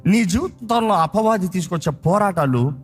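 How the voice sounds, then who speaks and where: A male pastor preaching a sermon in a Telugu accent, repeating phrases with emphasis and drawing key words out slowly. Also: high voice, lively intonation, faint music behind.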